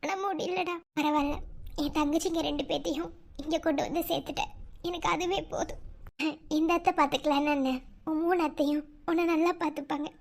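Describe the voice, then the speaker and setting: High-voiced young aunt, acted by a woman. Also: level tone, a little slow, pauses often, dark tone. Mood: sad. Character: young aunt, affectionate and sad. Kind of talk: serial drama acting.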